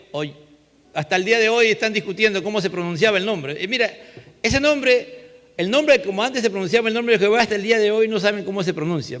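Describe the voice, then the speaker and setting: High bright-voiced Peruvian pastor preaching. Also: male voice. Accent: Peruvian Spanish. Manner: conversational, asks rhetorical questions with frequent tag "¿no?". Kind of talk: sermon. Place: church. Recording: long hall reverb.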